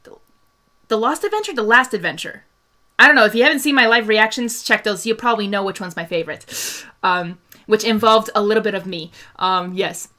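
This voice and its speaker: A young Hungarian woman hosts a casual fan discussion, answering viewer questions with plenty of laughter, fillers and restarts. Her mid-range voice is bright and forceful, and she talks fairly quickly.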